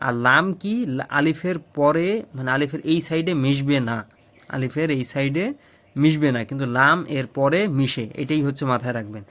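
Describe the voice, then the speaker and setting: Man, patient teacher, slow syllable drills, frequent check-ins, steady mid voice. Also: medium pitch. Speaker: Arabic teacher. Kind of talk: step-by-step letter lesson.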